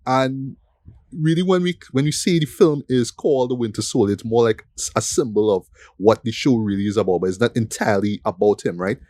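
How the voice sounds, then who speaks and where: A man's voice: medium pitch, brisk, a little mellow, no echo. A man co-hosting a film review podcast, talking enthusiastically and tagging his points with "right?". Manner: enthusiastic, frequent "right?" tag questions. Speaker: podcast co-host. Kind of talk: casual film review chat.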